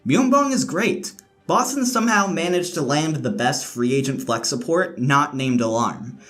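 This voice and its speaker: A man with a slightly high voice delivers scripted esports commentary as a host. He is frank and opinionated. Faint music plays behind him, and the room sounds a little echoey. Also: moderate pace, a bit bright. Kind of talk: scripted commentary, countdown rankings. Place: indoor room, different from usual.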